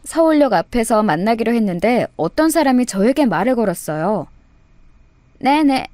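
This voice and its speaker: A woman's voice: a little high, very animated, brisk, a little mellow, no echo. A woman narrating a first-person story in a confiding, conversational way.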